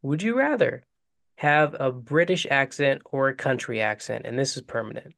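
A man's voice: medium pitch, animated, normal speed, gravelly, a bit bright. A man hosting a casual podcast, chatty and loose. His voice sits in a middle range, and he rambles into asides as he talks. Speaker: podcast host.

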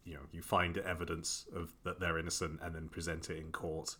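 A man's voice: low-pitched, completely flat delivery, fairly quick, bright, forceful tone, breathy edge. A man hosting a comedy podcast, with a dry, joking delivery. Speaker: podcast host. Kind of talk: casual podcast chat.

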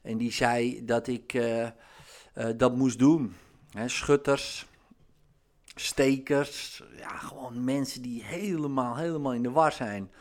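Give me an animated man talking off the cuff, full of fillers, pitch jumping up when he gets excited. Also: slow. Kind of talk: casual monologue to camera.

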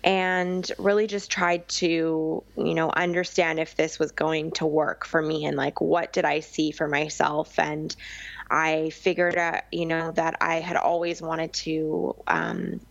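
A woman's voice: deep voice, level tone, measured pace, gravelly, no room sound, dull audio. A young woman from Vancouver Island, chatting as an interview guest about her business, with frequent ums and restarts. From Vancouver Island, Canada. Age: young adult. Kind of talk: conversational interview.

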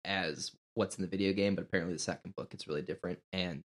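A man's voice: low-pitched, steady tone, quick pace, fairly bright tone. A man co-hosting a podcast in natural, unscripted casual talk, thinking aloud with some hesitation. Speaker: podcast co-host.

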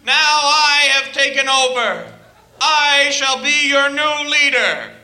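An actor playing a grandiose small-time dentist who has hijacked a radio broadcast to proclaim himself ruler of the world. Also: male voice, very high-pitched, pushed and bright, reverberant, full character voice, poor audio. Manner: grandiose, proclaiming, slow and deliberate.

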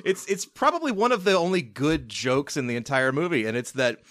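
A man's voice: on the high side, animated, moderate pace, fairly bright tone, dry recording, clean studio sound. A man on a casual film podcast, retelling scenes in a rambling way that often restarts.

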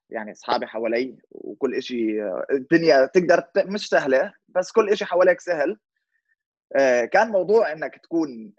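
Young male interview guest, Levantine Arabic accent, quick casual explainer, slightly high voice, dull recording. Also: no echo. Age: 20s. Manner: informal, explanatory, checks listener understands. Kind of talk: casual conversational interview with English words mixed in.

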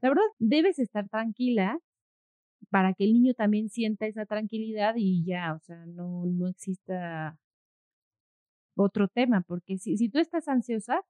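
A woman's voice: medium pitch, measured pace, dry recording. Woman on a tinny line. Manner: animated storyteller, acts out quotes. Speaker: co-host, mother. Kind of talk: casual conversation. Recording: dry, phone-like audio.

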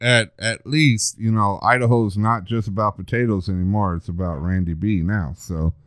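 Man, podcast host, low smooth voice, dry close sound, joking, chatty. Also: steady tone, moderate pace, a bit bright, no room sound. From Texas. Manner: jokey, teasing, chatty. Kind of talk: casual interview chat.

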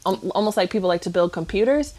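Woman, podcast host, casual chat, animated storytelling, laughs often. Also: medium pitch, fast.

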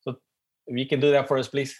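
A man's voice: medium pitch, little pitch movement, fast. Middle-aged man with East L.A. Chicano accent. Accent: East Los Angeles Chicano. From East Los Angeles, United States. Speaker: panel moderator. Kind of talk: informal remarks at a webinar.

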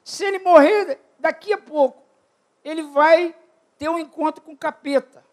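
Older man, very high voice, preacher, shouted peaks, quiet asides, asks the congregation questions. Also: moderate pace. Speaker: preacher at a church retreat. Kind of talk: sermon.

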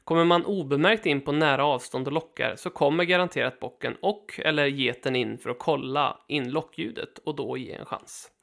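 Guy reading out a hunting article, slightly high voice, steady and matter-of-fact. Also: creaky. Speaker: hunting writer narrating his trip report.

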